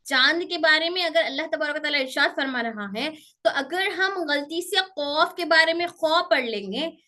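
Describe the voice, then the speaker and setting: A woman teaching pronunciation to children, explaining slowly and drilling sounds by repeating them, strict when pupils misbehave. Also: high-pitched, bright, forceful tone. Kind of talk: online Quran pronunciation lesson.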